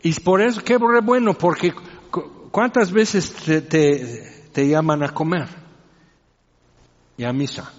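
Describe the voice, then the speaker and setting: Male preacher, chatty and joking, fairly high voice, dull recording. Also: slow pace. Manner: conversational, rhetorical questions and joking asides. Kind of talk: sermon. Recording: reverberant hall, dull lo-fi sound.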